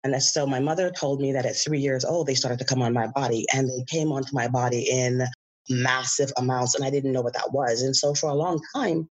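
A woman from the Bahamas, a guest who is an educator and author, speaking candidly and reflectively in an interview, with soft fillers. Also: very deep voice, fairly even intonation, a little fast, breathy edge, rough recording.

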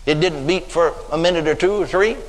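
A man's voice: a little high, brisk. An older man with a Texan accent preaching a sermon, telling stories dramatically and drawing out emphatic words. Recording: long reverb of a church hall.

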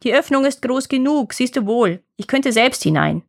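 A woman's voice: high-pitched, expressive, normal speed, pitched above the performer's own voice. A woman voicing a wicked old witch. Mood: harsh commanding. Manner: gruff, scolding, bossy. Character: wicked old child-eating witch, cunning and harsh. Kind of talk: storybook reading.

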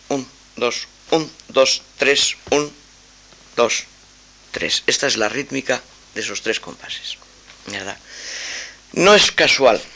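Bright-voiced Spanish man lecturing. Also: medium pitch. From Spain. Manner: measured and thoughtful, hesitant fillers between phrases. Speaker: opera composer lecturing on his own work. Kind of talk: analytical lecture to an audience.

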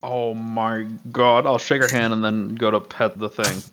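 A man's voice: on the low side, flat delivery, unhurried, background noise. A man player in a tabletop game who talks in dry, joking asides. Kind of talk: casual tabletop game chat.

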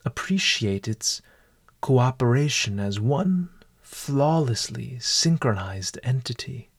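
Slow, measured man guiding a meditation. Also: mid-range voice, creaky, husky. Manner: calm, deliberate, measured phrasing. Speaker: meditation guide. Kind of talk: guided walking meditation.

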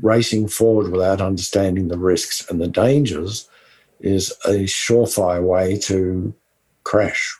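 A man's voice: low voice, fairly even intonation, unhurried, darkish tone. A man with a West Texas accent and twang, co-hosting a podcast and talking business in an earnest, emphatic, conversational way. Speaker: podcast co-host. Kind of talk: conversational business advice talk.

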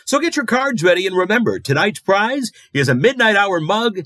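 An actor playing a cranky, darkly comic radio host presenting a late-night show in a deadpan, muttering manner. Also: male voice, high-pitched, moderate pace, full character voice. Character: marooned eccentric male radio agony uncle, cranky, darkly comic.

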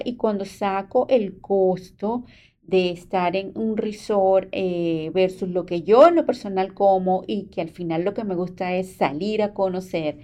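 A woman's voice: medium pitch, mellow. A woman with a Latin American Spanish accent hosting an informal explanatory program, talking to her audience in a conversational way. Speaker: host of a program about vacation properties.

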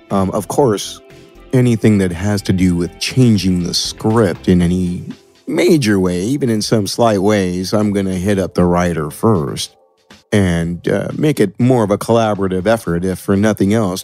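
His voice is fairly low and a little mellow: an American podcast producer and audio editor from California, guesting on a show and describing his workflow in an easygoing, joking, colloquial manner.

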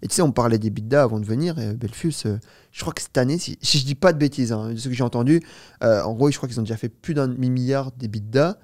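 Speaking fast and with real energy, a twenty-something startup founder spins out a long anecdote as a guest in a casual interview, peppering it with fillers and plenty of "tu vois" ("you see"). His voice sits in the mid range, captured dry in a clean studio.

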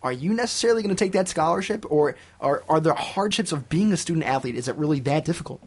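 A man's voice: fairly high pitch, expressive, fast talker, slightly rough. A man hosting a sports radio talk show from the studio, asking long, rambling questions.

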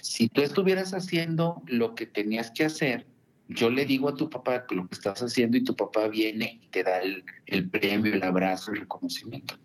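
A man's voice: medium pitch, normal speed. A man, working as a family counselor and speaking as a guest on a radio talk show. He tells stories in a chatty way, with many asides and tag questions.

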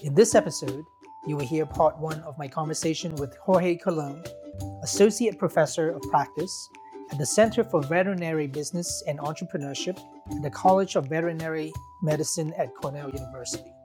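Higher-voiced male podcast host. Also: brisk, music in the background. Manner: enthusiastic, uses fillers. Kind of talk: scripted intro, then casual interview.

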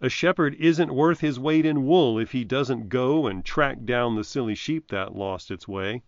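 A man reading a scripted devotional reflection as a preacher, measured and earnest. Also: lowish voice, dry recording. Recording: dry, dull lo-fi recording.

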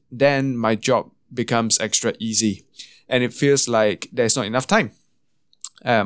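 A man hosting a podcast interview, talking in a relaxed, chatty way and laughing often, over a video call. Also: mid-range voice, smooth, no echo, clean studio sound. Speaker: podcast host.

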